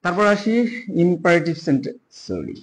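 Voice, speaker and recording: A man teaches grammar in an easygoing way, and his voice sits a little high. He spells terms out letter by letter and draws key words out slowly as he explains. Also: big pitch swings. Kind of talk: casual spoken grammar lesson.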